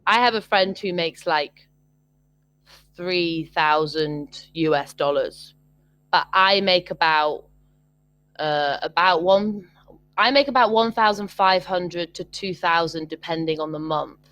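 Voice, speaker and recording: Speaking slowly in a lowish, fairly bright voice with no room sound, a young woman from Britain tutors English online over a video call. She chats casually, hesitating often with ums and restarts.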